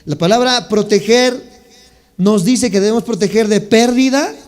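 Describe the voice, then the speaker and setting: A man's voice: sits high, normal speed, darkish tone, long reverb tail. A man preaching a sermon as a pastor, explaining Bible words and calling on the congregation to respond. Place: church sanctuary.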